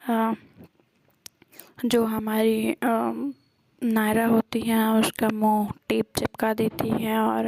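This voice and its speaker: A woman casually retelling a love story in a soft, half-whispered voice, pausing often on fillers. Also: a little high, creaky, no echo, low-quality recording. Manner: hesitant, many filler pauses.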